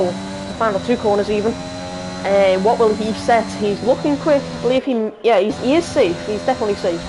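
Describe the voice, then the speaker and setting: Excitable Liverpool woman calling a race. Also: mid-range voice, low-quality recording. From Liverpool, England. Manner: excitable, jumps up on crashes, halting with many fillers. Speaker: commentator. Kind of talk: live sim-racing commentary.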